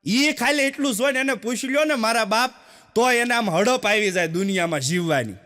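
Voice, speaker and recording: A man's voice: high-pitched, brisk, fairly bright tone. Guy doing stand-up jokes on stage, plays out the dialogues, echoey hall. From Gujarat, India. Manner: tells village jokes with quoted dialogues, repeats punchlines. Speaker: stand-up comedian. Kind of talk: folksy stand-up joke telling. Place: stage show before an audience.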